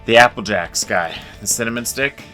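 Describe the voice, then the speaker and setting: Deep, bright-toned man with dry humor. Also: moderate pace, soft background music. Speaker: podcast co-host. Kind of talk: casual chat.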